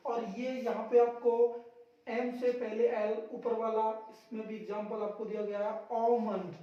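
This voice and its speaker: A man's voice: very high voice, a little mellow. A male English teacher giving a classroom lesson, repeating words and quizzing his listeners. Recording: very echoey room, far from mic, dull sound.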